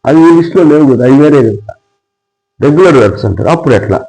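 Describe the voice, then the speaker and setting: A man's voice: fairly high pitch, lively intonation, racing, dark tone, rough recording. A middle-aged man with a Telugu accent teaching an English grammar lesson, explaining emphatically and drilling word pairs.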